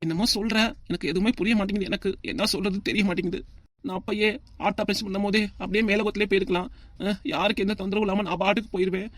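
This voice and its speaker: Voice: medium pitch, steady tone, rapid-fire, no room sound, close to an everyday voice. Someone voicing a weary, complaining old grandfather. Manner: complaining, reasoning, sighing.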